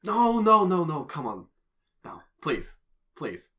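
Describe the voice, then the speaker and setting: Brief: man playing a friendly shopkeeper, bright and animated, higher voice. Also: slow pace, full character voice. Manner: chatty, fond of fillers. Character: cheerful male candle maker shopkeeper.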